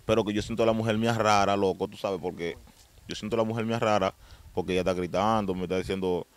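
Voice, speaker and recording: A young man telling his testimony in a rapid, streetwise way, often asking if he's understood. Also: lowish voice, fairly even intonation, smooth. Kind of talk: casual storytelling testimony.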